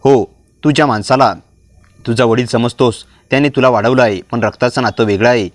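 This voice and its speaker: A man voicing a stern old man who keeps a family secret, speaking calmly in a storybook. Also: mid-range voice, dry recording, close to an everyday voice. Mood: calm, grave. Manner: calm, measured delivery.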